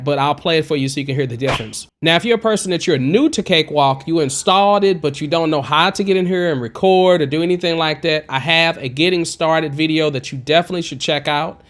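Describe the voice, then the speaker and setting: This casual screen-recorded music production tutorial comes from a thirties-aged man whose high, twangy tenor has a fairly bright tone and a fairly quick pace. Recording in a green-screen home studio on a condenser mic with a pop filter and headphones on, he chats encouragingly and wanders off topic.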